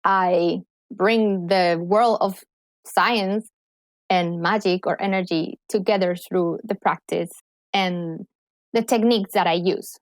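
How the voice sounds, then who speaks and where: Her voice sits lowish and her pace is slow, yet this Colombian woman sounds enthusiastic and animated as a guest on a relaxed podcast. A clinical psychologist and healer with a Colombian accent, she's recorded with no echo.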